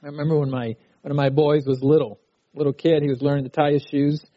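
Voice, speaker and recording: A man's voice: on the high side, level tone, quick pace, no echo, muffled recording. A middle-aged man preaching a sermon at a youth conference, talking in a conversational way and acting out a frustrated child's cries. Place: conference hall.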